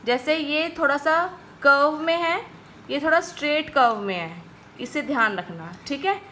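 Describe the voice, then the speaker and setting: Female tutor, high bright voice, slow patient delivery, faint background hum. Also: lively intonation. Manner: patient, repeats "ठीक है guys" often. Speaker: stenography teacher. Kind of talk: video lesson explaining strokes.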